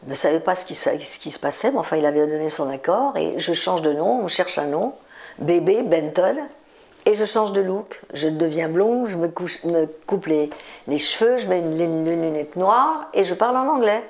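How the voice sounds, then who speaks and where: Older lady in her 70s, gravelly lowish voice, chatty, telling old stories in an interview. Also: expressive, moderate pace, a little mellow. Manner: chatty, repeats words for emphasis, laughs between stories. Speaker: singer being interviewed. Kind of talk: relaxed interview storytelling.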